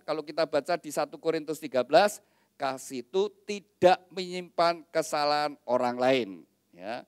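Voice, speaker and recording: A man's voice: a little high, darkish tone, no room sound, studio quality. A middle-aged man, a pastor giving a wedding sermon and making joking asides to the couple.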